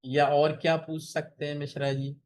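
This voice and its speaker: A man tutoring beginners in spoken English over a video call, patient and encouraging, repeating example phrases slowly. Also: fairly high pitch, flat delivery. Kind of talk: online spoken English lesson.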